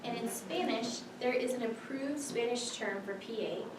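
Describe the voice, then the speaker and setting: A woman's voice: a little high, moderate pace, recorded from a distance. A woman, a physician assistant, teaching a classroom lesson in a casual, chatty way, full of filler words. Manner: chatty, filler-heavy, many "like"s. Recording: echoey room from afar, background noise.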